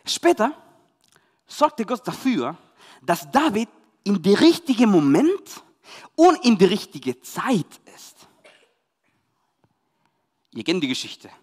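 A man from Chile with a Spanish accent, a youth pastor telling a Bible story to children and parents in lively, emphatic German. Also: sits high, takes it slowly, pauses often, slightly rough, big-room sound.

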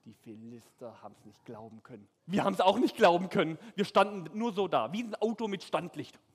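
A man telling a Bible story to children in character, playful and animated, speaking straight to them. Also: high voice, a little fast, slightly rough. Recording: echoey hall.

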